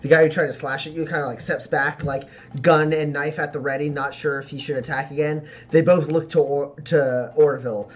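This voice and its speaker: A man running a tabletop game as game master, improvising narration in a halting, informal way. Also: a little high, fairly even intonation, dull audio, a little hiss or hum. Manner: halting, laughs readily.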